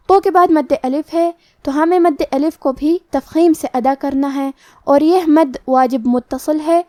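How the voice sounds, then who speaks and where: A woman's voice: sits high, dark tone, no room sound, studio quality. A woman with a Pakistani Urdu accent, teaching Quran recitation rules, explaining each letter step by step in a methodical way. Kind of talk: tajweed lesson with slow recitation.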